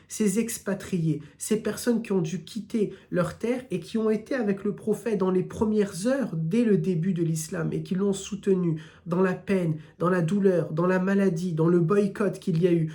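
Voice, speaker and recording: In a warm, high voice at a moderate pace with few pauses, an Islamic teacher with a southern French accent gives a live religious lesson. He addresses the audience head-on, building his message through repeated lists.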